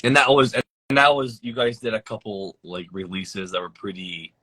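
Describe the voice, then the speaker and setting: A man interviewing a musician for a record label, asking loose, halting questions in casual chat. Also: on the low side, flat delivery, sharp tone, slightly rough.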